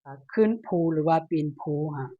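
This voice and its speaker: A woman with a Lao accent teaching a beginner Chinese lesson, saying each word twice and explaining its meaning. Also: phone-quality sound. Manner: slow, repeats each word, reads Chinese aloud brighter and louder. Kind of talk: language lesson.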